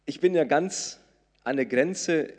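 A man from southern Brazil, preaching a sermon, swinging between loud emphatic peaks and soft intimate lines. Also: fairly high pitch, slow. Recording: long reverb of a large hall.

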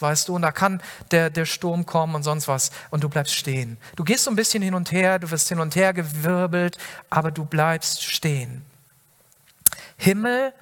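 A man's voice: on the high side, fairly bright tone. A male pastor giving a sermon, speaking earnestly and directly to the listener with many rhetorical questions. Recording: long hall reverb.

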